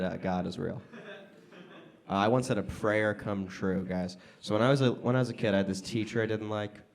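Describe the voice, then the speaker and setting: An American man doing stand-up comedy with crowd work, talking conversationally to a club audience with pauses and emphatic punchlines. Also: fairly low pitch. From Las Vegas, United States. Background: audience laughter.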